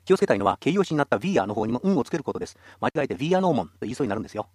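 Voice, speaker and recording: A man's voice: mid-range voice, very animated, very fast, darkish tone, slightly rough, no room sound, studio quality. A man teaching a radio language lesson, explaining patiently and encouraging listeners.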